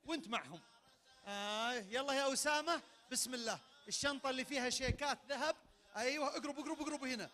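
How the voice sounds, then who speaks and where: Saudi man, event game host, handheld mic; very high, piercing voice, lively and commanding. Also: quick pace. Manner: energetic, barks sudden commands. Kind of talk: leading a party game for a crowd. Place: large event tent. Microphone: handheld microphone.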